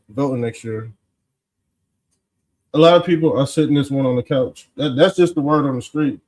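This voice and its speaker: Slow-paced man, smug sarcastic political exposé. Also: medium pitch, a little mellow. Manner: folksy street talk, drawn-out emphasis. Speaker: host of a political commentary show. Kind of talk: informal political commentary rant.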